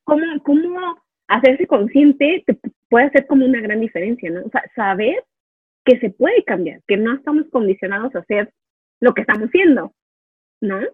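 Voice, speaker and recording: A woman hosts a conversation, thinking aloud in a reflective way and checking in with short tag questions. Her voice sits fairly high and sounds husky. The sound is tinny like a phone line and dry. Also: lively intonation, moderate pace, no room sound. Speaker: podcast host. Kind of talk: casual interview conversation.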